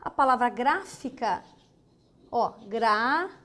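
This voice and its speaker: Slow, high-voiced Brazilian woman teacher. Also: expressive, bright, forceful tone. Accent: Brazilian Portuguese. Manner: slow and deliberate, counting syllables aloud and checking in with "tá bom?". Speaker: grammar teacher. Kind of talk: recorded online grammar lesson at a board. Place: lesson studio with a whiteboard.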